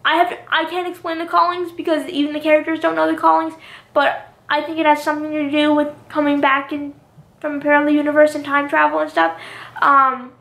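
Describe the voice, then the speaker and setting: A young woman talks straight to her camera in a loose, rambling vlog, looping back on her points with lots of "um" and "literally". Her voice sits high with a gravelly fry, a touch hoarse, and the small room around her sounds echoey. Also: level tone, a little fast, fairly bright tone. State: slightly hoarse from long talking. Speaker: YouTuber. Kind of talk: casual vlog monologue.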